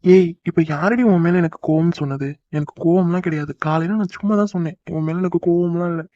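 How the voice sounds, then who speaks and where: A man voicing a gentle young man in a cartoon, soothing and teasing his crying sweetheart. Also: a little high, fairly even intonation, quick pace, dry recording, lightly acted. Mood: soothing tender. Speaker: voice actor. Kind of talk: cartoon love-story dialogue. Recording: dull lo-fi dry recording.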